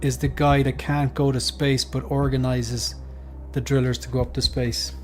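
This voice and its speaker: A man taking part in a quiz, chatting casually and reasoning out loud in a rambling way. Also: mid-range voice, little pitch movement, normal speed. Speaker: quiz contestant. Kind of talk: casual chat, thinking out loud. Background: faint music.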